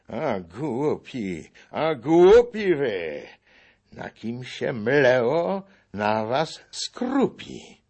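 A man voicing a gruff, scornful old nobleman with a raspy voice, scolding slowly and stressing every word. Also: deep voice, a little mellow, full character voice.

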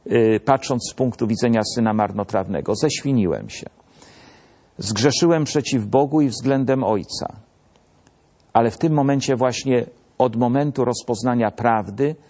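A man speaking in a measured, emphatic tone, delivering religious commentary. He leans on repetition to drive each point home, with a steady mid-range voice. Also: medium pitch. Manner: measured, emphatic, repeats key phrases.

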